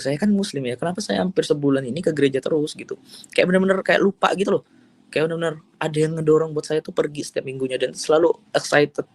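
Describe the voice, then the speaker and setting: A young man from Indonesia telling his personal testimony in an earnest, emotional way, full of fillers and restarts. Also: a little high. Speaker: testimony giver.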